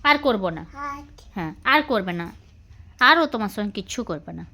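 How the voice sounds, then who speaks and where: A woman's voice: animated, moderate pace, sharp tone. A woman using playful, coaxing baby talk with small children at home. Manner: sing-song, coaxing, teasing, high-pitched. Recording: noisy home recording.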